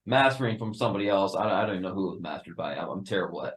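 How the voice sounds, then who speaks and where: A man with a fairly low voice talks casually as a guest in a band interview. He is laid-back, laughs a lot and swears freely. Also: animated, rapid-fire, low-quality recording. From Upper Peninsula of Michigan.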